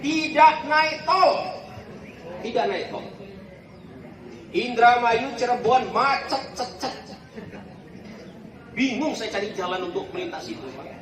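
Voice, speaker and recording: A man's voice: extremely high pitch, a little slow, pauses often, noisy background. A man giving a humorous sermon at a community gathering, who keeps asking the crowd for agreement. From Palembang, Indonesia. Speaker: preacher. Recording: echoey hall, distant mic, crowd.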